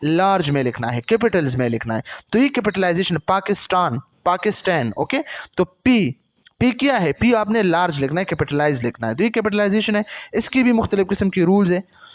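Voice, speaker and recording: A male teacher lectures his students, reading each English line slowly before explaining it. His voice sits high. The recording is tinny and narrow, like a phone line. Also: sing-song. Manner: slow deliberate reading of English lines, then explaining; frequent "okay". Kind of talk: classroom lecture mixing Urdu and English.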